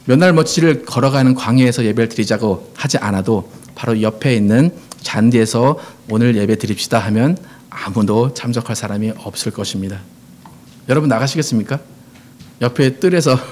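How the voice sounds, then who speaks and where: Middle-aged male pastor, earnest sermon delivery, mid-pitched, puts questions to the pews. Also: a little mellow. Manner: earnest preaching, asks the congregation questions; reads scripture aloud with emphasis.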